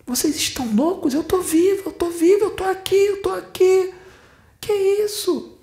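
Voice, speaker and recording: A man's voice: very high-pitched, steady tone, normal speed, mellow, voice pushed up. A man voicing a young woman who has died and is trapped in her body, shrieking in frantic pleas. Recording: roomy echo.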